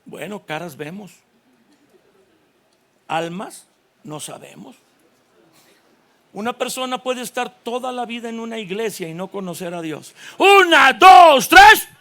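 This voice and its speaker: A Mexican man in his sixties, a pastor giving a lively, joking sermon at a church conference, full of stories. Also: high-pitched, measured pace, vocal fry, long pauses. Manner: animated, storytelling, jokes with the audience.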